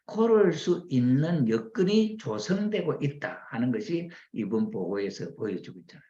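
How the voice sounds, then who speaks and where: A man preaching to his congregation, often acting out lively family dialogue as examples. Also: medium pitch, normal speed, muffled recording. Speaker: church minister. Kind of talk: sermon commenting on members' reports.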